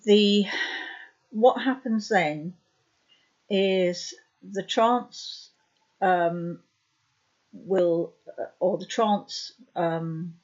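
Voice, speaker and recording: A woman's voice: fairly low pitch, darkish tone. A woman in her fifties with a sore throat, a trance medium explaining her work to camera, hesitant with many fillers. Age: 50s. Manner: slow and hesitant, many ums and uhs. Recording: dull lo-fi sound.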